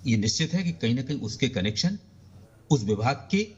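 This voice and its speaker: A man, a senior journalist, giving political commentary in a news debate over the phone, pushing hard on key words and dropping low at the ends of lines. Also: sing-song, normal speed, a little mellow, slightly rough, lo-fi sound.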